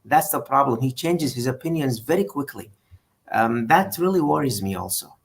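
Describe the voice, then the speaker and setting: A man's voice: medium pitch, lively intonation, moderate pace, vocal fry, husky. Hesitant man weighing in on football. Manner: hesitant, repeats words, many "uh"s. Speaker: podcast co-host. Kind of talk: casual football discussion.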